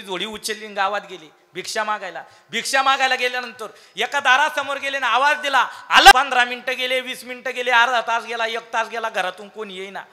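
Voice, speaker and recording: A man giving a devotional kirtan sermon, telling a story. He swings between loud declaiming and hushed asides and keeps quizzing the audience. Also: high-pitched. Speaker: kirtan preacher.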